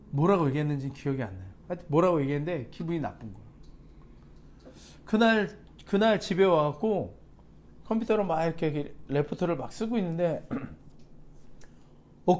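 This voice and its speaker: A man's voice: on the high side, slight background noise. A male pastor preaching a sermon, telling a personal story with questions to the congregation. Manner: lively storytelling with asides to the congregation. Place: church sanctuary.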